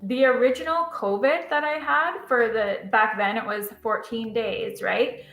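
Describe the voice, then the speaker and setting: Woman in her thirties, halting. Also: on the high side, a bit bright, reverberant, soft background music, poor audio. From Canada. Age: 30s. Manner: hesitant, halting retelling. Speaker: interviewee. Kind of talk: recalling illness in an interview.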